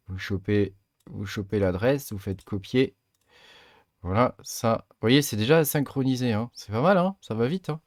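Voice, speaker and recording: Low-voiced man guiding a hesitant tutorial. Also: no echo, clean studio sound. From France. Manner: hesitant, many fillers, talks while clicking. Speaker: crypto mining tutorial host. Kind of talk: casual screen-recorded tutorial.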